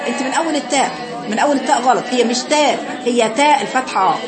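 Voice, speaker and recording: High-voiced Egyptian woman teaching recitation. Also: fast talker, roomy sound, music in the background, a crowd in the background. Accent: Egyptian Arabic. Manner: patient, demonstrates sounds by chanting them. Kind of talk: tajweed lesson, correcting students.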